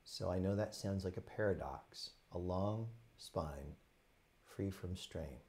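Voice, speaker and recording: A man guides a meditation as though teaching students a practice. His voice is fairly low, his tone gentle, and his pace unhurried, with brief phrases followed by pauses.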